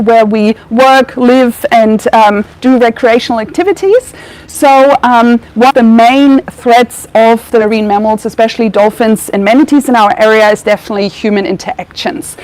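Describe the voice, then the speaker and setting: Poor audio captures a young woman with a fairly high pitch and a darkish tone. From Germany, she works as a research veterinarian and has a German accent with some Australian mixed in. She gives a chatty public talk peppered with ums, restarts and corrections of herself.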